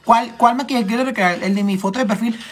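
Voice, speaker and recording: Man, Mexican accent, camp and gossipy, livestream chat, coming down with a cold, throat-clearing. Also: very high voice, brisk, slight background noise. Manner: camp, flamboyant and gossipy, playful swearing. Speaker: makeup livestreamer. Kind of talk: casual live chat, reading comments aloud.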